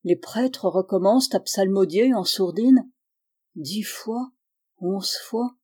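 A woman calmly narrating a novel in a measured storytelling voice. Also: medium pitch, husky. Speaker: audiobook reader.

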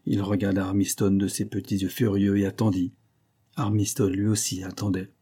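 A man reading a novel aloud as audiobook narrator, in a calm, even storytelling delivery. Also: fairly low pitch, moderate pace, slightly rough. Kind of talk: scripted narration.

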